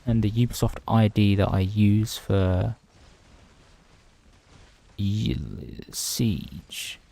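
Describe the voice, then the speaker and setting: A man's voice: lowish voice, fairly even intonation, extremely slow, creaky, mellow. A man casually chatting on a livestream from home, rambling between topics and greeting viewers by name. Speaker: livestreaming gamer.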